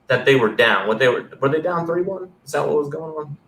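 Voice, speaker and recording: Talking fast on a headset during a video call, this thirtysomething sports podcast host has a slightly high, fairly bright, expressive voice. He rambles casually and drops the odd swear word. Faint background noise and a roomy sound come through.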